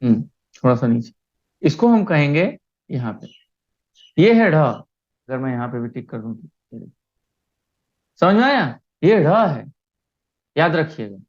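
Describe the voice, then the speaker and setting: A male primary school teacher leads an online lesson, his voice pitched a little high. He talks patiently and keeps pausing to check that the children follow. The sound is dull and lo-fi, like a video call. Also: big pitch swings, darkish tone.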